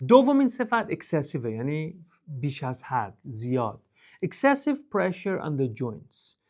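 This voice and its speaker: A male English teacher, explaining vocabulary step by step and switching to slow, careful English examples. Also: medium pitch. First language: Persian. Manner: demonstrates pronunciation with puffs of air. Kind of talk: spoken language lesson.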